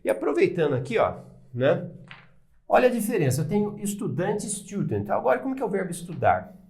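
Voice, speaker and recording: A man's voice: high-pitched, big pitch swings, a little fast, gravelly, a little mellow. A man with a Brazilian Portuguese accent, teaching an English lesson and explaining pronunciation step by step, often asking "né?" and pointing at words. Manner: pointing at words on a board or screen.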